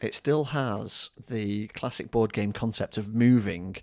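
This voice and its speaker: A man's voice: fairly low pitch, a little slow, darkish tone, dry recording, clean studio sound. A man co-hosting a board game podcast, rambling in casual chat with wry jokes and frequent laughs. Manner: chatty, rambling, laughs often, wry joking. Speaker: podcast co-host.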